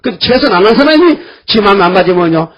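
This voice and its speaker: Husky high-voiced older preacher, folksy. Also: male voice, big pitch swings, fast talker. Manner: folksy, scolding, acts out voices of biblical figures. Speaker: pastor. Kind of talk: sermon. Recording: dull lo-fi church recording.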